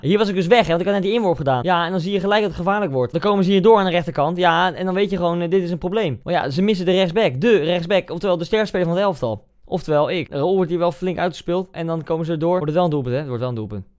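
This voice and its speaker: A young Dutch man casually commenting on his own match footage, animated and joking at his own expense. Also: sits high, rapid-fire, clean tone. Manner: animated, joking, self-mocking, frequent laughs and exclamations. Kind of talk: casual commentary over replay.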